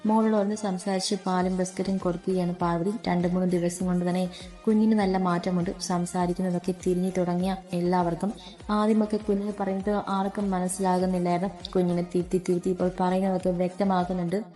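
A woman narrating a story in a calm, steady reading. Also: fairly low pitch, fast, soft background music.

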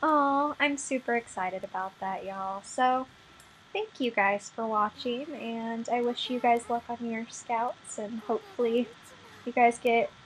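A young woman vlogs about her gacha pulls, bubbly and gushing, giggling, apologizing, and a bit under the weather. She speaks in a fairly high, steady, unhurried voice. Poor audio carries a little hiss or hum and faint background game music.

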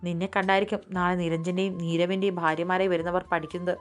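A woman's voice: fairly low pitch, little pitch movement, quick pace, clear, resonant tone, faint music behind, lightly acted. A woman playing a stern, commanding matriarch. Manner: firm, commanding. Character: stern dignified older matriarch, mother-in-law.

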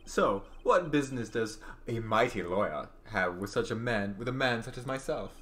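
A man's voice: mid-range voice, lively intonation, normal speed, a bit bright, lightly acted. A man doing a smug, haughty game villain.

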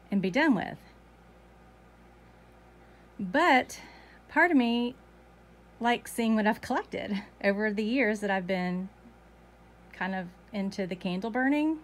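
A woman, chatting casually in a vlog and reading off a long list of items one after another, a little out of breath. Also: mid-range voice. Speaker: candle collection vlogger. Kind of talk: casual chat, listing items.

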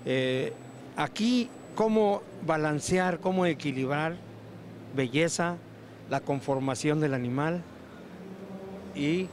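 A man's voice: a little high, slow, pauses often, noisy background. A middle-aged Mexican man working as a television interviewer on location, speaking into a handheld microphone. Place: large indoor livestock exhibition hall.

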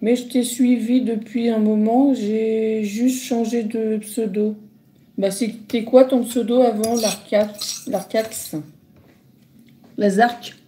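A woman's voice: on the high side, steady tone, slow pace, dark tone. A middle-aged woman chatting casually on a phone livestream, answering viewers with lots of hesitant fillers. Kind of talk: casual live chat reading comments.

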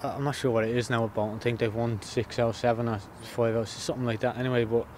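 Footballer guy talking fast after the game, repeats himself a lot, outside by the pitch, mid pitch voice. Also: level tone, darkish tone, a little hiss or hum. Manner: plain-spoken, repeats words as he thinks. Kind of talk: post-match interview. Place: outdoors by a stadium pitch.

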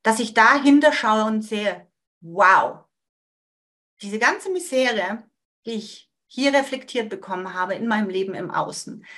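A woman working as a manifestation coach gives a motivational talk to her audience in a medium-pitched voice. She speaks emphatically, repeats phrases, and lets the ends of her sentences trail off quietly.

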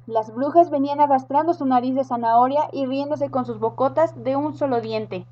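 A woman with a Rioplatense Spanish accent reads a children's story aloud in a high, bright-toned voice, acting out each character. The recording sounds dull and lo-fi. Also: moderate pace, husky. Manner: lively, acts out the characters.

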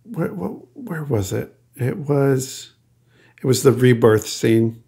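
Podcast co-host, male, gravelly voice, chatty and hesitant. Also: medium pitch, very animated, slow, mellow. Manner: chatty, hesitant, with restarts and laughs. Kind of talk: casual chat.

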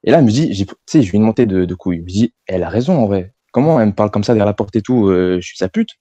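A man's voice: lowish voice, expressive, very fast, dark tone, no echo, highs cut off. A young man calling in and telling a long story in casual slang, rambling with lots of fillers. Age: young adult.

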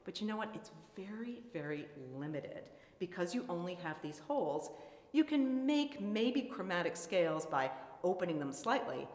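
A woman's voice: fairly low pitch, sing-song, moderate pace, a little mellow. A woman flutist presenting a lesson, explaining in an enthusiastic, playful way. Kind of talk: educational presentation. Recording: echoey room with long reverb.

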